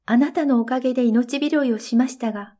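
A frightened young princess from an old storybook speaks in an anxious, tearful way, as a woman reads her. Her voice sits high and gentle. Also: a little fast, lightly acted. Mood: fearful. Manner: anxious, pleading.

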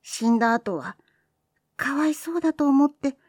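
A woman's voice: high-pitched, a little slow, mellow, dry recording, clean studio sound, voice pushed up. A woman doing a sly little temple boy, faintly pleading. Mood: feeble pleading.

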